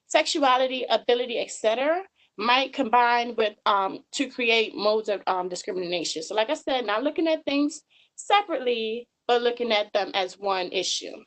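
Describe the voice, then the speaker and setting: A woman's voice: a little high, normal speed, a bit bright, rough recording. A woman in her twenties giving a webinar presentation over slides, earnest and full of filler ums. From Georgia, US. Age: 20s.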